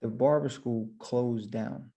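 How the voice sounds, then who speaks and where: A man's voice: mid-range voice, steady tone, takes it slowly, mellow, husky. A man who owns barbershops, guest on a podcast, telling his story casually and retelling his own thoughts as quotes.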